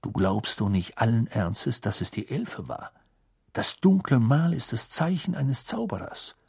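A man voicing a calm middle-aged wizard who speaks quietly and soothingly. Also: medium pitch, unhurried, vocal fry, husky, no room sound, studio quality, exaggerated voice.

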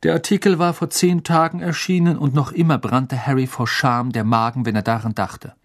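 A man reads a storybook aloud in a mid-range voice. His delivery is steady and expressive, suited to a long audiobook. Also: medium pitch, moderate pace, no echo, clean studio sound. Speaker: audiobook narrator. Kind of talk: scripted narration.

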